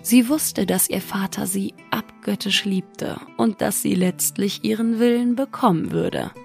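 A woman reads a fairy tale aloud in calm, measured storybook narration. Her delivery is unhurried and her voice has a gravelly texture, with faint music beneath. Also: mid-range voice.

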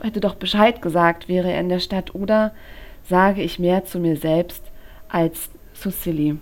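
A woman author reading her own novel aloud in the first person, with an expressive, dramatic delivery. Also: on the low side, gravelly.

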